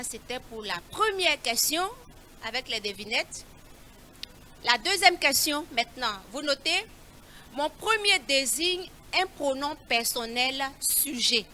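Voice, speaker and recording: A woman leading a children's Bible riddle quiz, reading each clue slowly and repeating it in a coaxing way. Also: sits high, pushed and bright, slight background noise.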